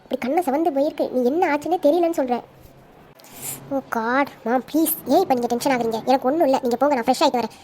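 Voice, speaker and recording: A woman telling an audio story, acting out lively dialogue among several characters. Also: high voice, quick pace, slight background noise. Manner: animated, switching between characters. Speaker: storyteller voicing all roles.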